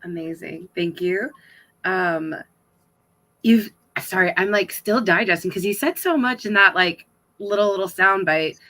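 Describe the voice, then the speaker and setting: A woman's voice: fairly low pitch, unhurried, pushed and bright, low-quality recording. A woman hosting a livestream book talk, asking casual, thoughtful questions and hedging with fillers. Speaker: interviewer, host.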